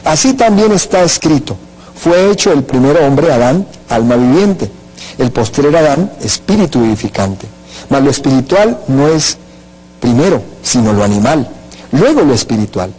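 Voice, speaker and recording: A man's voice: mid-range voice, big pitch swings, normal speed, mellow, slightly rough, low-quality recording. A man preaching a Pentecostal sermon, emphatic and calling on the congregation to repeat after him and answer his questions. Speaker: pastor.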